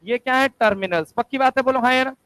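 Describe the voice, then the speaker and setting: A male chemistry teacher lecturing a class, firing quick rhetorical questions and answering them himself. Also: extremely high pitch, a bit bright, clear, resonant tone, no room sound, rough recording. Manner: answers his own questions aloud.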